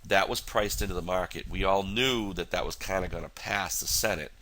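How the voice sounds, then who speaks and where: Male trader, very low pitch, nasal from a cold, rambling casual chart walkthrough. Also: brisk, sharp tone. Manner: rambling, many fillers and restarts. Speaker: futures trader. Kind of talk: casual market analysis walkthrough.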